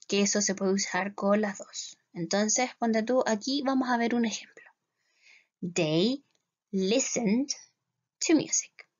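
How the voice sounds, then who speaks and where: A woman teacher with a Chilean Spanish accent patiently explaining English grammar to her students, checking in with them again and again and saying English words slowly. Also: medium pitch. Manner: patient, repeats "¿cierto?" to check understanding. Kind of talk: classroom lesson explaining grammar. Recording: dull lo-fi sound.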